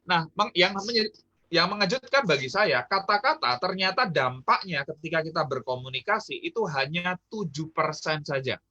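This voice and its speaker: A man from Indonesia delivers an informal talk as a business trainer, his voice bright and somewhat high. He fills pauses with short fillers and keeps checking in with his audience. The recording sounds dull and lo-fi. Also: lively intonation. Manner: chatty, peppered with "ya" and "gitu kan"; asks the audience questions. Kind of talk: casual online talk on communication.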